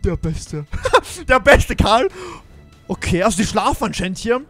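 A man's voice: sits high, lively intonation, unhurried, sharp tone, faint music behind. A man giving jumpy, exclaiming commentary on a Minecraft role-play adventure, talking straight to his viewers. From Germany. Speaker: gaming YouTuber.

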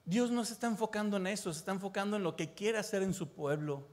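A pastor delivers an impassioned sermon in a fairly high voice. He builds on repeated phrases and puts direct questions to the listener. His voice rings out with a long reverb in a large church hall. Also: quick pace, darkish tone.

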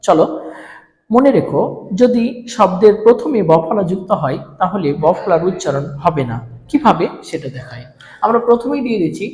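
A man's voice: high voice, gravelly, darkish tone. A man teaching a grammar lesson to students. He asks questions and answers them himself. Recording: echoey room with long reverb.

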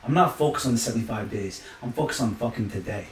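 Emphatic man giving fast motivational talk. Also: mid-range voice, distant mic, slight background noise. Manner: preachy, emphatic, uses sayings and analogies. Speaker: podcast guest. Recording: roomy sound from off-mic.

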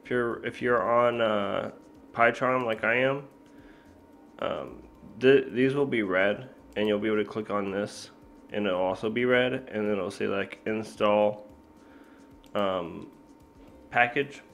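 A man's voice: on the low side, takes it slowly, creaky, a bit bright, a little hiss or hum. A man giving a casual screen-recorded coding tutorial, laid-back and thinking aloud with lots of fillers and self-corrections. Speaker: programming tutor.

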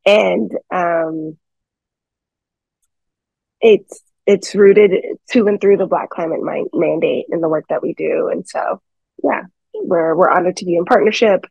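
Woman, young adult, organizer, halting, filler-heavy, low voice, dull dry call audio. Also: vocal fry, a little mellow, breathy edge, no room sound. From United States. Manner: halting, many fillers and restarts. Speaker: organizer speaking on a webinar. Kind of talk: unscripted panel remarks. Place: home, seated by a staircase. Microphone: phone or laptop on a video call.

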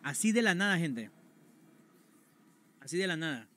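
A man's voice: fairly high pitch, sing-song, unhurried, fairly bright tone, slight background noise. A man from Guatemala with a Mexican accent, telling a story to his stream chat in a crude, slangy, casual way. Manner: slangy, crude, keeps tagging "güey".

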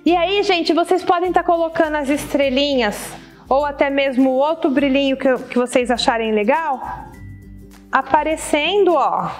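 High-voiced Brazilian woman giving a craft tutorial. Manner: chatty, often checks in with viewers. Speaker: balloon decoration tutorial host. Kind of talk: casual instructional demonstration to camera. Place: indoor studio set with balloon wall and table.

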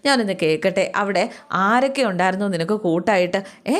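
A doting old grandmother, put on by a woman narrator, coaxing and pleading from her bed. She scolds softly and comforts the girl she relies on. The voice sits close to the reader's own middle-range talk. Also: medium pitch, expressive, fast talker, lightly acted. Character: worried old grandmother, bedridden, fond.

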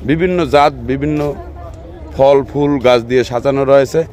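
A man's voice: medium pitch, fairly even intonation, brisk, darkish tone. A man hosting a gardening channel, walking through plant stalls outdoors and promoting them in a repetitive, upbeat patter. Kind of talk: promotional walkthrough at a tree fair.

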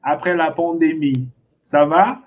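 A man teaching a live online language lesson, drilling words through slow repetition, switching between two languages and chuckling often. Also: on the high side, highs cut off. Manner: switches between French and Portuguese. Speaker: French teacher.

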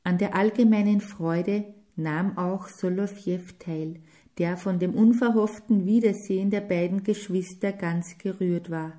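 A woman with a mid-range voice narrates an audiobook from a script, reading in a measured, even way.

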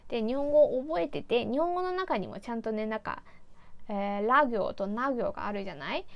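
A woman's voice: on the high side, animated, moderate pace, creaky, dull audio. A young woman from China, a native Chinese speaker, chatting casually in Japanese as a vlogger with lots of fillers and self-deprecating asides. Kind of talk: casual chat about learning Japanese.

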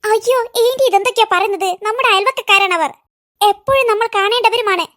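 A woman's voice: extremely high pitch, fairly quick, fairly bright tone. A woman voicing a sensible, worried young girl in a cartoon, asking earnest questions. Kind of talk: cartoon voice acting.

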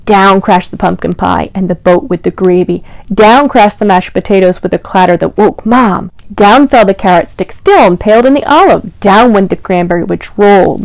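A woman librarian reading a picture book aloud to young children in a sing-song, animated way, stopping to ask them questions. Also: mid-range voice, no room sound. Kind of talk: storytime read-aloud.

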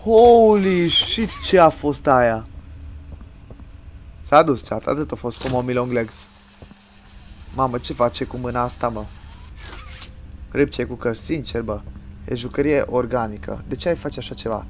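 A man streaming a horror game live, chatting with his viewers and yelping and shouting at every scare; he says he is tired from all the screaming. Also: medium pitch, long pauses, a little hiss or hum. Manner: jumpy, yelps and shouts when scared, talks to chat. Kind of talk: live gameplay commentary.

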